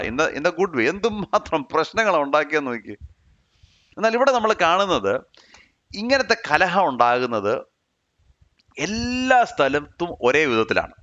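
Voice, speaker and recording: A man's voice: mid-range voice, fairly bright tone, lo-fi sound. A man with a Kerala Malayalam accent teaching a Bible study, firing off rhetorical questions and pushing his voice up sharply as he presses each point.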